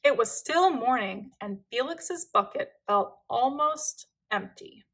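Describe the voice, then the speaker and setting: A woman reading a children's storybook aloud in an expressive, deliberate, dramatic way. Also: on the high side, low-quality recording. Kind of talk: expressive scripted read-aloud narration for children.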